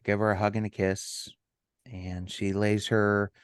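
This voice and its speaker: A middle-aged man, a podcast co-host, telling a personal story in a halting way with many ums and restarts. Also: on the low side, flat delivery, clear, resonant tone, no room sound, clean studio sound.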